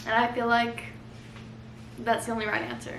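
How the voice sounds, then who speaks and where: A woman's voice: fairly high pitch, completely flat delivery, moderate pace, gravelly, fairly bright tone, slight background noise. A young woman vlogging casually at home, gushing and bubbly about what she reads. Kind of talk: casual chat. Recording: roomy home audio with faint ambience.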